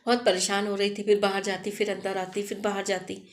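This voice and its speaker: A woman's voice: medium pitch, flat delivery, brisk. A woman telling a family story in a plain, conversational way, with small restarts. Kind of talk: casual spoken storytelling.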